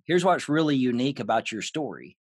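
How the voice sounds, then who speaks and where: A male host chats easily with his guest and drops in joking asides. His voice has a medium pitch and a dry, close sound. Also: very animated, brisk, slightly rough, dry recording. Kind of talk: conversational interview.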